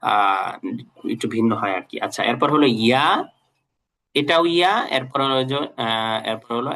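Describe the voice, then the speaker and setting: A man's voice: mid-range voice, pushed and bright. Patient man teaching letter sounds. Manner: patient, repeats letter sounds slowly for students. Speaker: Quran teacher. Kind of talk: online class lesson.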